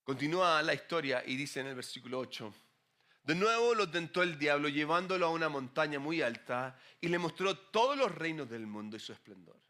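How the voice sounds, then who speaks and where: Brief: male pastor, middle-aged, high bright voice, chatty preaching style. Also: fairly quick. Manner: conversational, animated preaching with asides to the congregation. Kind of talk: sermon.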